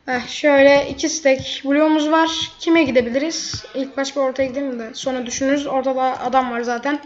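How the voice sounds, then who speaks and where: Woman gamer, high voice, running play-by-play commentary, quick to vent; dull lo-fi recording. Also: steady tone. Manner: chatty, blurts out frustration at opponents. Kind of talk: live gameplay commentary. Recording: dull lo-fi mic.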